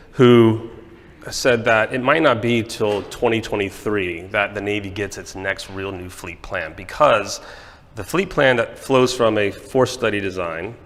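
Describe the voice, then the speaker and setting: Chatty male interviewer, lowish voice. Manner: chatty, joking, quick asides. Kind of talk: conversational interview questions. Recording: long hall reverb.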